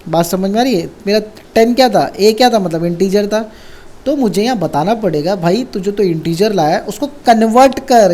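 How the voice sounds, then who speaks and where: A programming tutor with a high, mellow voice gives a casual coding lesson. He keeps posing questions and answering them himself, and he repeats the key words.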